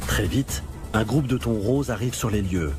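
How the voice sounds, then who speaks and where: A man narrates a nature documentary in with a fairly low voice. Music plays clearly behind his scripted narration. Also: normal speed.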